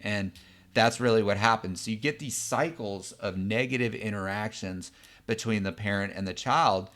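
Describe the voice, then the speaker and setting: A man with a lowish, bright and forceful voice, explaining things the way a psychologist teaches a class. He talks conversationally, with loose fillers and frequent checks that the listener is following. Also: normal speed. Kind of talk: explanatory lesson.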